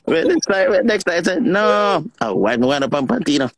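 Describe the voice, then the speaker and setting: A man hosting a casual live chat, joking and laughing often. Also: sits high. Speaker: host. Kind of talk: casual banter on a live stream.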